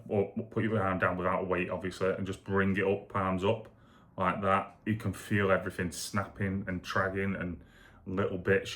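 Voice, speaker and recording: A man speaking candidly and casually in a rambling video diary, foggy and low on energy after surgery. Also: a bit bright. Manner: rambling, candid, matter-of-fact. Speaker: vlogger recovering from shoulder surgery.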